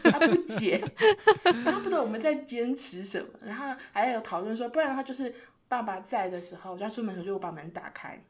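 A woman's voice: fairly high pitch, animated, quick pace. A young woman, chatting on a podcast and animatedly acting out her parents' lines as she tells a story. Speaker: podcast co-host. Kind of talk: casual chat.

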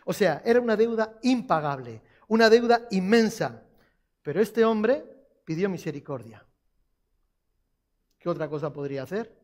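Man preaching a sermon, high voice, emphatic and repetitive, questions to the crowd. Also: animated, moderate pace, long pauses, a little mellow. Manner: emphatic, repeats key phrases, asks the congregation questions.

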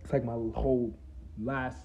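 A man's voice: medium pitch, little pitch movement, measured pace, mellow, slight background noise. A man of about twenty, hosting a solo podcast and talking in a rambling, reflective way with lots of fillers and restarts. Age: 20s. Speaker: podcast host. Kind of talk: casual solo podcast talk. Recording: roomy, slightly dull recording.

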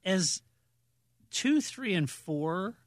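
A man on a podcast as a guest, chatting casually and reasoning things out slowly. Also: sits high, expressive, no echo, studio quality. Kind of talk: casual chat.

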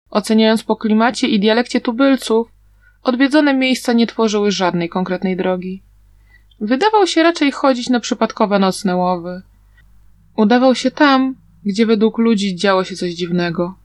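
A woman's voice: a little high, no room sound. Woman with a dry, close narrating voice. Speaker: audiobook narrator. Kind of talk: storybook narration.

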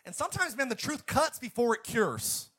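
A man's voice: very high-pitched, sing-song, normal speed, slightly rough. A male pastor preaching an emphatic sermon to his congregation. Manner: emphatic, preacherly, swings between loud and quiet.

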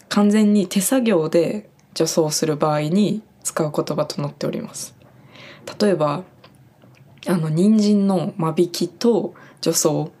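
Chatty woman with a low voice. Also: dark tone. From Japan. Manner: chatty, friendly explaining with many fillers. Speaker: farm worker teaching German words. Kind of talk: casual spoken lesson.

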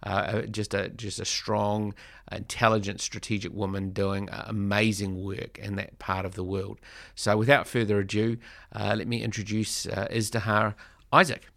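A man introducing a podcast from a studio, relaxed and chatty. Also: on the low side, moderate pace, gravelly, no room sound. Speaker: podcast host, charity director.

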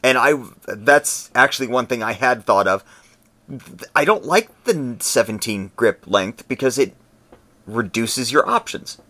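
A man co-hosting a podcast, talking in a relaxed, conversational way and explaining his points at length. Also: medium pitch, a little slow. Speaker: podcast co-host. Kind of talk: casual podcast chat.

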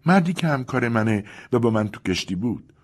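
A man's voice: mid-range voice, very animated, voice pushed up. A man voicing a cunning young woman in an audiobook, defiant and pleading by turns. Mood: subdued. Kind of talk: audiobook character reading.

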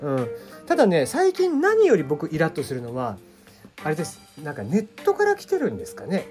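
A man's voice: fairly quick, soft background music. A man hosting a casual solo web radio talk, reading listener questions in a rambling way with many fillers and a slight mixed regional lilt under standard speech. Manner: rambling, many fillers, animated pitch swings.

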